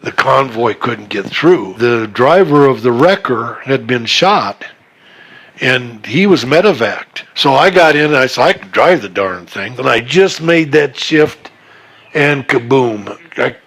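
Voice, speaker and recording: A man's voice: medium pitch, lively intonation, gravelly, a bit bright. American man in his seventies, old veteran remembering. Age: 70s. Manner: old veteran remembering, plain-spoken with pauses. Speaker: retired Marine veteran interviewee. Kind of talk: interview recollection.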